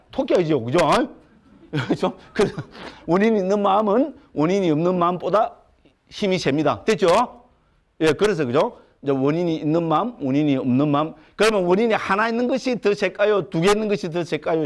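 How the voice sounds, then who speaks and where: Lively high-pitched monk lecturing. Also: male voice. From Gyeongsang, South Korea. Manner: keeps asking the class rhetorical questions; humorous, plain-spoken, lively. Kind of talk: Buddhist doctrine lecture to a class. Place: lecture hall at a Buddhist education center.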